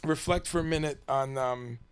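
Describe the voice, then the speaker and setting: A man's voice: mid-range voice, normal speed, clear, resonant tone. A man interviewing someone casually on camera, rambling and hesitant as he sets up his questions.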